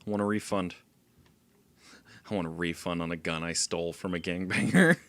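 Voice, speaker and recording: Bright-voiced man swearing through a stealth game. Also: low voice, steady tone, normal speed. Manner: frustrated outbursts, swearing, laughing at himself. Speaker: gameplay streamer. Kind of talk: casual gameplay commentary.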